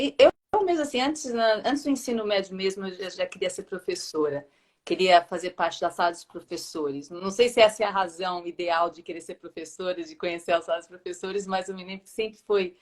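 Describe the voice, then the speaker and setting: A woman's voice: lowish voice, fairly even intonation, fairly quick. A Brazilian woman in her fifties, a teacher being interviewed, speaking hesitantly with many fillers. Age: 50s. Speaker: guest, teacher. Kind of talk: live interview.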